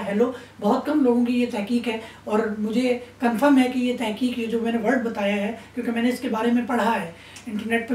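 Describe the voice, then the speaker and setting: A woman delivers an Islamic sermon in a stern, admonishing tone, her voice a little high and a little mellow. The distant mic picks up a roomy echo.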